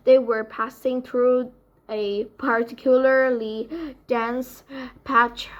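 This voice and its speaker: A woman's voice: a little high, steady tone, slow, lo-fi sound. A woman reading a storybook aloud, carefully, with occasional slips and restarts. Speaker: reader.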